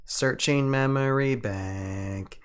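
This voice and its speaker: A lazy-sounding cyborg soldier in a robot voice, put on by a man reading a story aloud. His slow, flat system readouts come out hoarse and clipped, pitched in a middle male range with no filter on the voice. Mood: robotic. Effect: robot voice done with his own voice, no filter.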